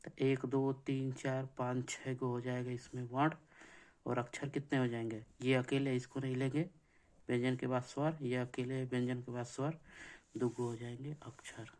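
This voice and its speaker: Man teaching slowly, repeating each step. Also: mid-range voice, little pitch movement, darkish tone. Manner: slow, repetitive counting and checking questions. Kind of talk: exam-prep grammar lesson.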